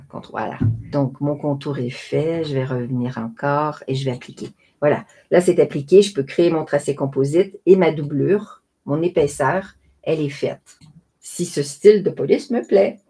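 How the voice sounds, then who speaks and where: A woman, explaining a design software tutorial step by step in a chatty way. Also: sits low, slightly rough. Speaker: craft software tutorial host. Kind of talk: screen-recorded tutorial narration.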